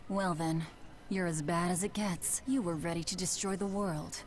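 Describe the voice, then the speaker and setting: A woman's voice: on the low side, steady tone, moderate pace, faint music behind, lightly acted. A woman playing a stern, defiant demon lord in a video game, with a blunt, resolute delivery. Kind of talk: scripted video game acting.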